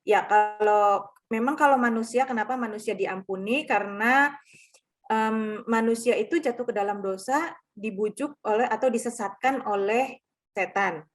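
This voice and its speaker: Woman, fairly high voice, measured explainer of scripture. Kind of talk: explaining and reading scripture aloud.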